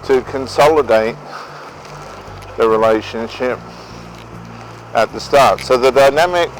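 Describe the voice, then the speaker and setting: An Australian man giving an unscripted talk to viewers in a deliberate, halting way. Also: mid-range voice, faint music behind, poor audio. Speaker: vlogger giving relationship advice. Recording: outdoor noise behind the voice.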